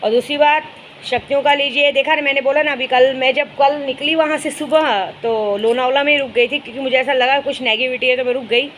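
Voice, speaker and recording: A woman's voice: high-pitched, fairly even intonation, a little fast, fairly bright tone, a little hiss or hum, low-quality recording. A woman speaking, a spiritual guide chatting casually to her followers and telling stories with fond asides. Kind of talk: casual vlog chat to followers.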